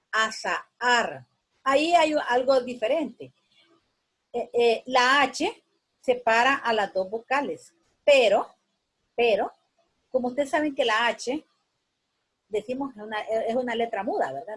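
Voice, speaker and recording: Slow, husky woman teaching a class. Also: on the high side. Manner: slow, explanatory, repeats words and asks "¿verdad?". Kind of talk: classroom grammar lesson.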